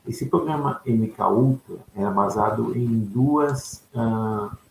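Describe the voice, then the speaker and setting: A ufology lecturer explains his subject, posing questions aloud, answering them himself and often checking in with listeners. He speaks slowly in a mid-range voice with vocal fry, in an echoey room with faint background noise.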